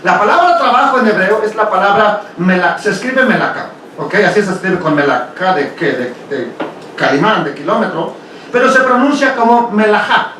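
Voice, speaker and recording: A man's voice: high-pitched, sing-song, normal speed, sharp tone. A man gives a conversational Bible study lecture to his congregation, often posing rhetorical questions and checking in with "ok?". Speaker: congregation teacher. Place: congregation meeting hall. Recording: very echoey hall from far off, faint hiss.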